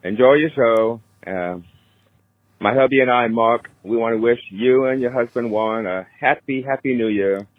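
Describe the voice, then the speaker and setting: A man's voice: mid-range voice, normal speed, no echo. A man leaving a friendly voicemail message for a podcast host, heard over a phone line. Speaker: caller. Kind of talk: casual voicemail.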